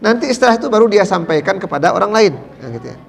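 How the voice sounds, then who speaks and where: A man's voice: sits high, animated, quick pace, gravelly. A man preaching to a mosque audience, asking questions and answering them himself, with many tag fillers. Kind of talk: mosque lecture. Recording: long hall reverb.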